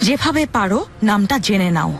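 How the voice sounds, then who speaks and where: A woman's voice: mid-range voice, animated, brisk, close to an everyday voice. An actress dubbing a proud sultana who questions her informant in a TV drama. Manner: cool, demanding questions. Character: proud, plotting sultana of the palace. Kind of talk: dubbed TV drama. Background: music.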